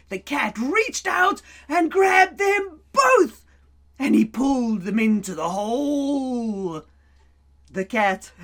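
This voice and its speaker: Reading a children's story aloud, this medium-pitched woman keeps things animated, often breaking into laughter and lowering her voice to a whisper.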